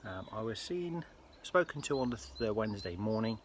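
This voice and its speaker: A British health vlogger with a fairly low, expressive voice speaks to his viewers in a casual personal vlog. He comes across as earnest and halting, with faint ambient noise behind him.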